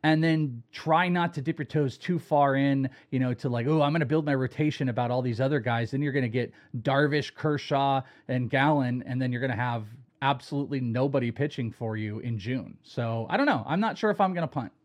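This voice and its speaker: A man in casual podcast chat as a fantasy baseball analyst, rambling and animated with many fillers. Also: medium pitch, normal speed.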